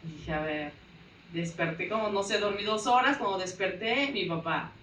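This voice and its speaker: A woman's voice: mid-range voice, moderate pace, fairly bright tone, a little hiss or hum. A middle-aged woman tells her personal faith testimony, acting out the dialogue as she goes. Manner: storytelling that acts out the dialogue. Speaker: church member giving testimony. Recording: roomy sound from a distant mic.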